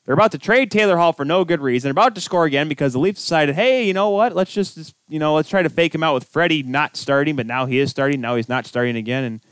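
A man's voice: fairly high pitch, fast talker, hardly any pauses, fairly bright tone, clean tone, no echo. A man co-hosting a podcast, rambling through casual sports talk and game commentary like an exasperated fan. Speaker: podcast co-host.

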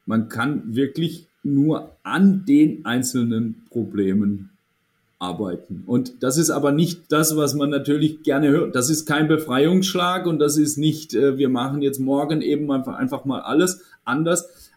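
A man's voice: mid-range voice, unhurried, darkish tone. Hesitant man, guest on a podcast. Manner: hesitant, thoughtful, many fillers and restarts. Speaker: association managing director, guest. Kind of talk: podcast interview.

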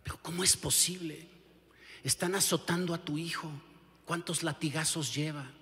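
A preacher voicing a desperate pleading angel. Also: male voice, steady tone, moderate pace, long reverb tail. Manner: urgent pleading, rising to loud high cries. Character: anguished heavenly angel host begging to intervene.

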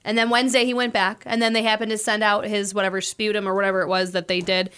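A woman co-hosting a casual chat, talking in an animated, chatty way. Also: medium pitch, fast talker, smooth. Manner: chatty, animated, laughs often.

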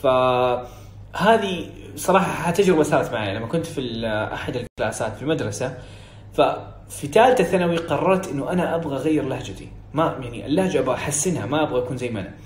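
A young man from Saudi Arabia with a Hijazi accent, coaching in an energetic, encouraging, casual teaching way. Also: mid-range voice, fast talker. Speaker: English speaking coach. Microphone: phone video story. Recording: roomy echo, faint room hiss.

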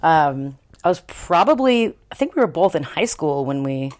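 A woman's voice: low voice, sing-song, normal speed, a little mellow. A woman co-hosting a casual podcast recorded in an attic, chatting with wry, dry jokes. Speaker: podcast co-host. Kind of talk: casual chat.

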